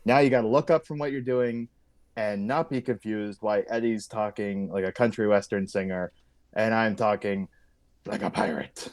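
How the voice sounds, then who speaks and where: A man co-hosting a podcast in casual chat, making dry deadpan jokes. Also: lowish voice, moderate pace. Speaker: podcast co-host.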